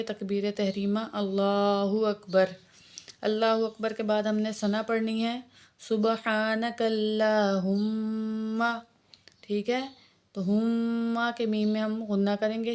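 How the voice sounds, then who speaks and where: Woman teaching prayer in a flat, even voice. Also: medium pitch. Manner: explains fast, then recites verses slowly and drawn out; repeats "okay" as she teaches. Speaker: religious teacher. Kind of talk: step-by-step prayer lesson.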